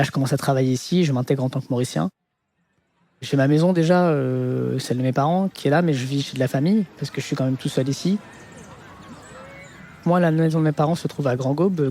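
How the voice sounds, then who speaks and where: A man from France with a Parisian French accent, in his thirties, telling his life story in an interview and pausing often on fillers. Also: medium pitch, mellow, slight background noise. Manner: hesitant, many fillers like "on va dire". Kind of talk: reflective personal testimony.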